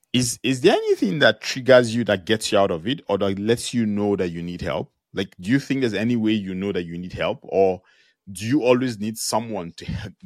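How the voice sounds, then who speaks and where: A man hosting a conversational interview, reflective and thinking aloud as he talks. His voice sits fairly low, and the sound is dry and close. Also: no echo. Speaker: podcast host.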